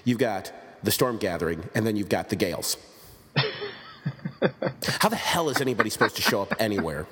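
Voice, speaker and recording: A man with a low voice chats as a podcast host, rambling and cracking jokes at his own expense. His voice carries a long reverb tail. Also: lively intonation, a little fast, long pauses, fairly bright tone. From United States. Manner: joking, rambling, self-deprecating. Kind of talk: casual podcast chat.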